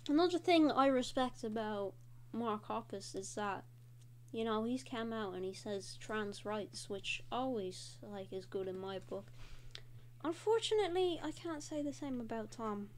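A woman's voice: a little high, expressive, unhurried, slight background noise. Chatty young woman, rambling casually. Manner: chatty, rambling, frequent "like" fillers. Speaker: host. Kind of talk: casual draw-and-talk commentary.

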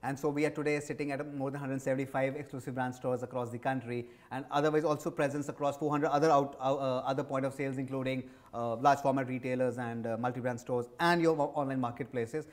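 Speaking fast with few pauses, a fortysomething man with an Indian accent uses a medium-pitched voice and fairly even intonation. As a business executive, he answers interview questions in a conversational way, using emphatic repetition. He is miked with a lapel mic in an indoor office lounge set.

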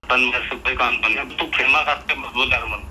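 On a noisy phone call, a retired soldier speaking with a Rajasthani accent keeps pressing his point, repeating himself and making threats in a heated argument. His mid-range voice holds a steady tone and runs a little fast, picked up by the telephone.

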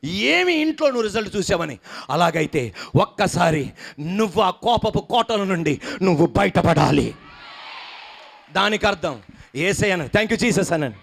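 High-voiced man preaching emphatically. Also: big pitch swings, measured pace, vocal fry. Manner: emphatic preaching, rising to loud questions; coaxes the congregation to repeat and smile. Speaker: pastor. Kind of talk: sermon. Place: church hall before a congregation.

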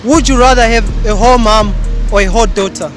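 A man's voice: high voice, brisk, fairly bright tone. A young man doing a cheeky, slang-heavy street interview outdoors on a suburban road, speaking into a handheld phone, with music under him. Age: young adult. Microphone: phone held as mic.

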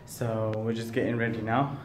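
A man's voice: lowish voice, normal speed. A young man chatting casually and slangily in a travel vlog, recorded on a phone. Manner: relaxed, slangy, rambling. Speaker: vlogger. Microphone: phone camera. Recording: phone video with loud background noise.

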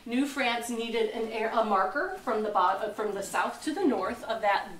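A woman's voice: a little high, normal speed. A woman museum docent giving a casual history talk to a small group, chatty and self-mocking, sometimes searching for a word. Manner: chatty, laughs at herself, loses words. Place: museum lecture room. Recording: echoey room, mic far off.

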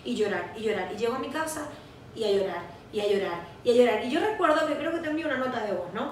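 Mujer venezolana de voz aguda y animada. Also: female voice, fairly high pitch, fast talker. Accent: Venezuelan Spanish. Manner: animated storytelling, laughing at herself. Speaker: podcast co-host. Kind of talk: casual chat. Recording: echoey room, mic far off, faint hiss.

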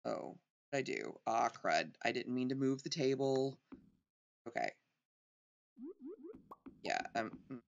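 A woman's voice: extremely low pitch, expressive, a little slow, gravelly, pauses often, dull audio. A middle-aged woman giving casual let's play commentary, thinking aloud as she plays.

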